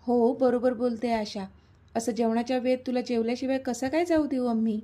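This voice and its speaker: A woman's voice: on the high side, steady tone, brisk, warm tone, close to an everyday voice. A woman voicing a hospitable, insistent middle-aged father in a read-aloud story. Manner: insistent, kindly. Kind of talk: storybook reading.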